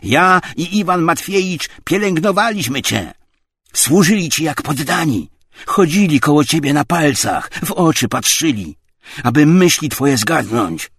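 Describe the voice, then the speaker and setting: A hoarse, spiteful bully bellows insults high and loud, as a male narrator puts him on. His voice swings wildly and carries a husky edge, close and dry with no room around it. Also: no echo, exaggerated voice. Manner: shouting, mocking, abusive. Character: coarse, spiteful middle-aged man, hoarse and bullying.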